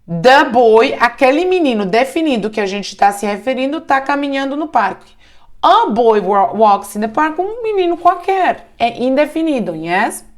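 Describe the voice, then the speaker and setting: A woman teaching English grammar in a slow, deliberate way, often checking in with the listener. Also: sits high, big pitch swings. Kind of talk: online grammar lesson in Portuguese.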